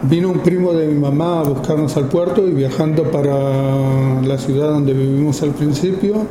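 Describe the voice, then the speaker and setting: A man in his fifties from Argentina with an Argentine Spanish accent, speaking informally to an audience about his work, slowly and with many pauses and fillers. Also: on the high side, reverberant, background noise. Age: 50s. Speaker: photographer giving a talk.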